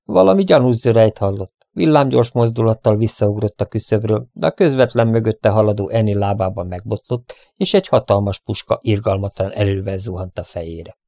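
Gravelly low-voiced male narrator. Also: warm tone, no room sound, studio quality. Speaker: audiobook reader. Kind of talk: storybook narration.

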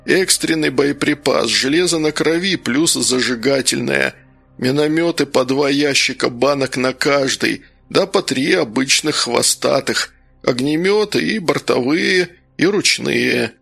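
A man voicing a hoarse, bearded male guardsman who talks matter-of-factly in folksy speech. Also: medium pitch, measured pace, fairly bright tone, faint music behind, exaggerated voice. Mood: reporting.

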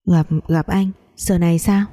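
A woman voicing a guilt-ridden young man who speaks softly and slowly to calm his lover. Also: on the low side, close to an everyday voice. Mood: soothing.

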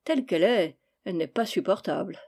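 A woman reading aloud and voicing a young man, a tutor who grumbles and lectures in a measured way. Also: lowish voice, expressive, a little mellow, breathy edge. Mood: grumbling.

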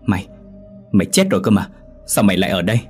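A man voicing a shrill scheming mother-in-law. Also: very animated, fast, soft background music. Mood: terrified. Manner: sharp, scolding, melodramatic wailing.

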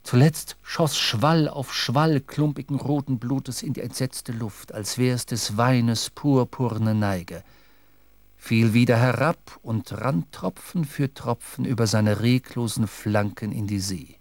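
A man narrating a radio drama in a measured, literary storytelling manner. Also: mid-range voice, no room sound.

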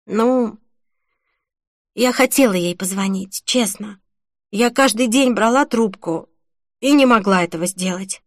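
A woman reading the part of a tearful young woman who speaks softly and apologetically in an audiobook. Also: mid-range voice, unhurried, long pauses, dry recording, clean studio sound, natural voice. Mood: apologetic, tearful. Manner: soft, sniffling, apologetic.

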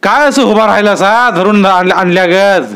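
A man's voice: high voice, sing-song, slow, voice pushed up, full character voice. A man voicing a menacing, swaggering village strongman who mocks his listeners in a storybook reading. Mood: taunting. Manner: taunting, mocking.

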